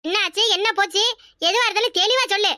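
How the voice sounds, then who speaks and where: A woman's voice: extremely high pitch, quick pace, sharp tone, no echo, studio quality. A woman voicing a bossy but generous older mother-in-law in a cartoon, scolding and giving orders. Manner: scolding, commanding. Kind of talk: cartoon voice acting.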